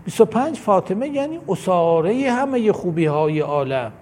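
A man delivers a devotional lecture as a numbered list, his voice pitched somewhat high and moving expressively up and down. He declaims each point and lifts his voice at every new number. A faint hum sits under the recording. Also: big pitch swings, darkish tone. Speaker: religious lecturer.

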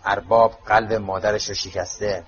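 A man playing a croaking, bitter old house-elf. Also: lowish voice, flat delivery, pitched below the performer's own voice, lightly acted. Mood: resentful. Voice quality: croaking, muttering. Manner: grumbling insults under his breath. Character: bitter ancient male house-elf servant. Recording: dull lo-fi audio.

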